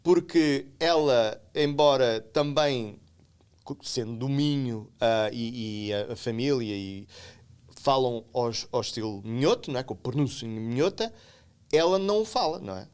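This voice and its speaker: A middle-aged man from the Algarve in Portugal, a podcast guest chatting in an animated way, repeating words as he goes. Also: mid-range voice, unhurried, smooth. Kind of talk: casual conversation.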